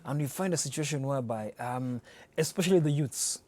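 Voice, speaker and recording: A man's voice: mid-range voice, fairly quick, darkish tone. A Kenyan man speaks as an interviewer in an ordinary middle register. He is chatty and conversational, and he readily drops in short affirmations as he listens.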